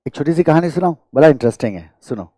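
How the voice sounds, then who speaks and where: A man's voice: a little high, animated, fast, dark tone, dry recording. An Indian man teaching an online class, telling a story in a chatty way and mixing in English phrases. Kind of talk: online class lecture with anecdotes.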